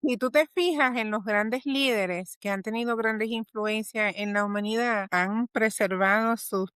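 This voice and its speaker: A woman explains her field as an interview guest, with a somewhat high voice. She teaches as she talks, piling up rhetorical questions. The recording is dry and close. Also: measured pace, fairly bright tone, smooth, no echo. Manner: didactic, many rhetorical questions.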